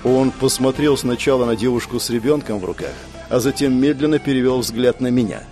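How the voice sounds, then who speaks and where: A man narrating a dramatic first-person audiobook with emotional, expressive delivery over faint background music. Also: mid-range voice, fairly quick.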